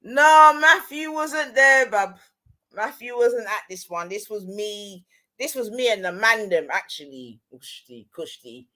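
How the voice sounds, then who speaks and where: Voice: medium pitch, a little slow, pushed and bright. A middle-aged speaker with a London roadman accent tells stories in casual, slangy chat, often checking in with tag questions. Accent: London, street slang.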